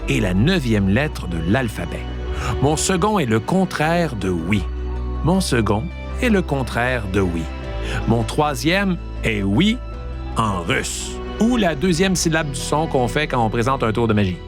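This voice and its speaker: A man's voice: mid-range voice, very animated, unhurried, over music. A man with a Québécois accent hosting a show, delivering a comedic monologue with playful, exaggerated punchlines. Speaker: host.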